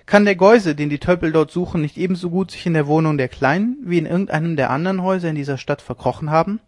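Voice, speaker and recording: A man's voice: fairly high pitch, fast, no room sound, pitched above the performer's own voice, natural voice. A man reading an audiobook, voicing a reckless, mocking young lieutenant who talks in an exuberant, theatrical way. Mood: eager. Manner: exuberant, theatrical, loudly teasing.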